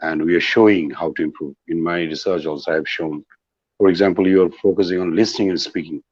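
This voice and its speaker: A man's voice: deep voice, fairly even intonation, fast, a little mellow, no room sound, dull audio. A middle-aged man with a Bangladeshi accent giving an online English lecture, emphatic and repeating key words.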